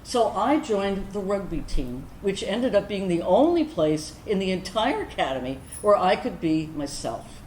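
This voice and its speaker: In a staged reading, an actress delivers a dramatic first-person monologue as a candid woman veteran, confessional and wry, with deliberate pauses. Her medium-pitched voice is animated, fond and candid, captured in a roomy, echoing stage recording with background noise.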